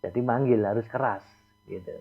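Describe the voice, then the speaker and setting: A man, a psychologist guest calmly explaining ideas on a call-in radio show, repeating his key points. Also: mid-range voice, fairly quick, husky. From East Java. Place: outdoors near a beach. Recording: tinny phone line.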